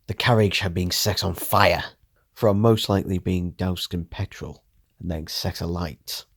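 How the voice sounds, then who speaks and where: A man tells a first-person audio drama in a low, gravelly voice. His read is steady and measured, and the sound is dry and close. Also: dry recording. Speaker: narrator.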